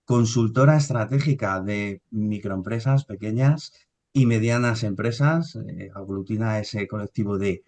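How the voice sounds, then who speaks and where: A man's voice: on the low side, measured pace, darkish tone. A man, hosting a business podcast, hesitant and often restarting his sentences. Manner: hesitant, with many fillers and restarts. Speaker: podcast host.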